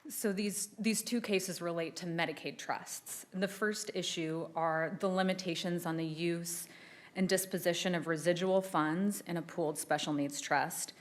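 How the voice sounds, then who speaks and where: Low-voiced woman arguing in court. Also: fairly even intonation. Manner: measured, formal, answers questions with some restarts. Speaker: assistant attorney general arguing an appeal. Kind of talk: courtroom oral argument.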